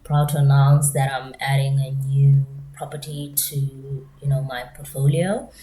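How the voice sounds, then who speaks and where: A South African woman with a deep, slightly groggy morning voice talks through her topic in a relaxed, chatty vlog, with plenty of fillers. The room sounds echoey, with a faint hum of noise behind her. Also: measured pace. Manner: chatty, explanatory, many fillers. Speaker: personal finance vlogger. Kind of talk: casual explainer vlog.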